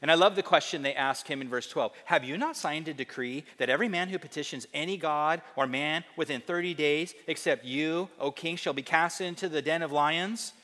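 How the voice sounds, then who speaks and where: A man preaching a sermon as pastor, animated, acting out quoted voices in a higher pitch. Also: a little fast, few pauses, big-room sound.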